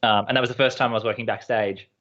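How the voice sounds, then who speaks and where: A man, a guest in a casual chat, relaxed and prone to repeating himself. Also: mid-range voice, very fast, highs cut off.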